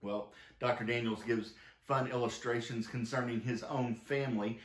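A man's voice: mid-range voice, fairly even intonation, normal speed, reverberant. A man, the pastor, preaching a sermon and reading long quoted passages from a book aloud. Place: church sanctuary.

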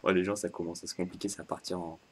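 A man giving excitable gaming commentary, talking to his viewers and bursting into yelps and laughter. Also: sits low, very fast, a little hiss or hum. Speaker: gaming YouTuber.

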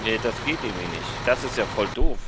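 A man's voice: on the low side, lively intonation, fast. A man grumbling and puzzling over the controls while playing a game with friends. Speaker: gamer. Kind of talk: casual gaming chat. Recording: game truck noise behind.

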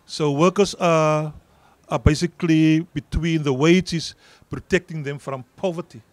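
With a voice on the high side and fairly even intonation, a middle-aged Afrikaans-accented South African union leader answers interview questions unhurriedly at an outdoor garden event. He is earnest, repeats words for emphasis, and speaks into a handheld mic with no echo.

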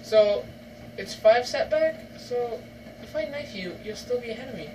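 A gaming channel host giving casual gameplay commentary, joking and breaking into yells and laughter. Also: medium pitch, expressive, normal speed. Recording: distant mic with loud background noise.

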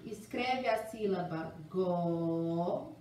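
With a lowish, warm voice and drawn-out words, a kindergarten teacher encourages young children through a phonics lesson in an exaggerated singsong way. A little hiss or hum is audible, and the distant mic picks up an echoey room.

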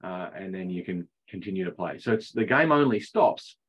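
Speaking at a normal speed in a low, husky, animated voice, a middle-aged ice hockey coach explains the rules during a chatty online session. He laughs at his own jokes, and the video call audio sounds dull and lo-fi.

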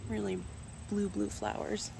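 Gravelly-voiced woman touring her garden outdoors. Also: medium pitch, measured pace. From Minnesota. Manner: relaxed, musing, often unsure of plant names. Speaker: gardener giving a garden tour. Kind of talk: casual walking garden tour. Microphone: phone camera held while walking. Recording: outdoor recording with loud insect noise. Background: crickets and insects.

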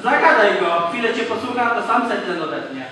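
A man's voice: sits high, very animated, a little fast, very noisy. A teenage boy playing a coarse, grumpy rural husband in a school stage comedy sketch, teasing his wife in crude slang. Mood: mocking. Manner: gruff, mocking, crude slang. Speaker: student actor in a school cabaret sketch. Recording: distant, echoey hall with audience. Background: audience laughter.

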